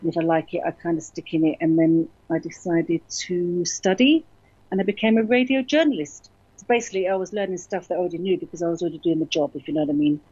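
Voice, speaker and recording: A middle-aged woman talks in a chatty, rambling way, her voice husky and a little low. The sound is dry and close but slightly muffled. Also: steady tone, quick pace, warm tone, dry recording. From born in Berlin, grew up in London. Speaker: radio station founder, guest. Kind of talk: casual interview talk.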